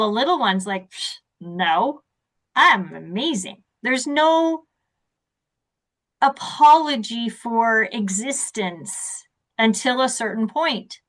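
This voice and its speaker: A woman speaking as a success coach in an interview, animated and laughing often, acting out the voices she quotes. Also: medium pitch. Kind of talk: interview conversation.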